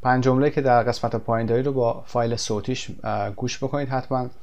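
A male teacher in a recorded lesson, with a voice of middle pitch. His explanations come in quick bursts broken by hesitant fillers. He reads his example sentences slowly and carefully. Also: fairly even intonation, creaky, a little mellow. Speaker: English teacher.

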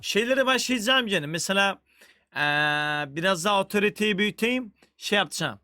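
A man's voice: sits high, expressive, moderate pace, sharp tone, dry recording, studio quality, soft background music. A man chatting casually on a game livestream, joking around and swearing constantly. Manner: crude, profane, joking banter. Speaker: game streamer.

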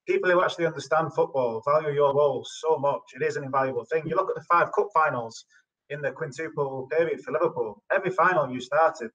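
A young man hosting a show talks very quickly in a slightly high voice. He builds long, emphatic points while interviewing a guest over a video call from an indoor room. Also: a bit bright, highs cut off. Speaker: show host.

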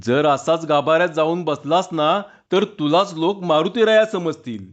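A man's voice: fairly high pitch, moderate pace, lo-fi sound, close to an everyday voice. A man voicing his own younger self in a storybook reading, a young man given to joking banter. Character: young male narrator-self, amused and jokey.

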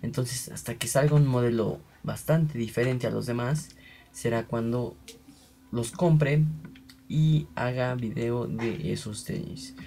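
Mellow young man rambling. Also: medium pitch, takes it slowly, gravelly. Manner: rambling and chatty, voices digging sounds aloud. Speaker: gaming channel host. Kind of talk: casual gameplay commentary.

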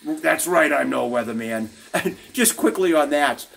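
A man's voice: on the high side, animated, unhurried, vocal fry, a bit bright, slightly rough. An older man hosting a casual cooking vlog in his small apartment, rambling and chuckling as he talks. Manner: rambling, chatty, chuckles often. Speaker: cooking channel host.

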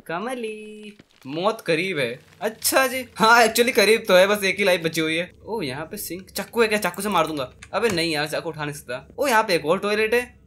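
Excitable young man, high bright voice. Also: fairly quick. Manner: excitable, yelps and shouts at scares, talks to himself; mixes English into Hindi slang. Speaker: gaming streamer. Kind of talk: horror game commentary.

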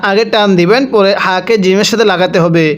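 A man teaching Quran reading, spelling out each word syllable by syllable in slow, drawn-out recitation, then explaining the rules and asking viewers to repeat after him. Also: sits high, fairly even intonation, smooth, lo-fi sound. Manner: addresses viewers directly, asks them to repeat after him.

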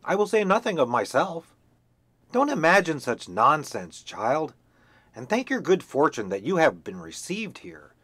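A man's voice: very animated, measured pace, a bit bright, husky, no echo, full character voice. A man voicing a bossy, haughty hen who lectures and scolds. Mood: scolding. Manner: scolding, shrill.

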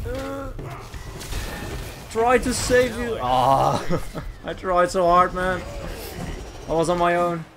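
A man hosting his gaming channel, giving casual play-by-play commentary with frequent chuckles and quick self-corrections. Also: high-pitched, background noise. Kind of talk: live gameplay commentary. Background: game music.

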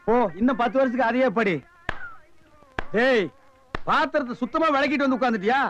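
An actor playing a sharp-tongued man who sarcastically scolds and mocks a group of beggars in a film comedy scene. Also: very high voice, a little fast. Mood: mocking. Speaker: comic film character. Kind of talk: Tamil film comedy dialogue.

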